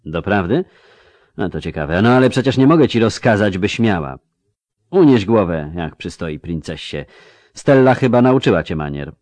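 A man voicing a stern, commanding middle-aged emperor who asks curt, sharp questions. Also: fairly low pitch, expressive, moderate pace, no echo, lightly acted. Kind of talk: audiobook character voice.

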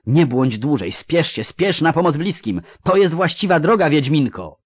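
A man voicing a small young female sorceress who calls out urgently and commandingly, in a shrill raised voice. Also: very animated, normal speed, slightly rough, no echo, clean studio sound.

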